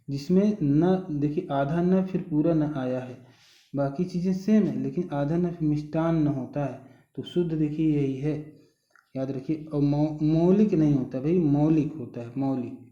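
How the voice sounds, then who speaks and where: A man teaching a spelling lesson, patient and repetitive, stretching out the words he corrects. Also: a little high. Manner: patient, repeats words slowly and often says "thik hai". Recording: muffled roomy recording.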